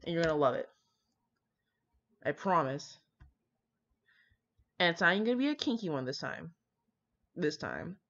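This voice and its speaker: A young woman who hosts a fan fiction reading channel chats casually with her viewers, rambling in an irreverent, foul-mouthed, self-mocking way. Her voice sits low with big swings in pitch, and she speaks at a moderate pace with long pauses. The audio sounds dull.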